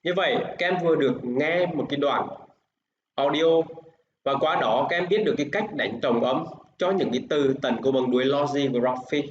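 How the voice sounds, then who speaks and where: A man with a Vietnamese accent teaching an English lesson, speaking slowly and clearly in English and switching to quicker Vietnamese explanations. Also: a little high. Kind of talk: bilingual classroom lesson. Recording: echoey, dull, faint hiss.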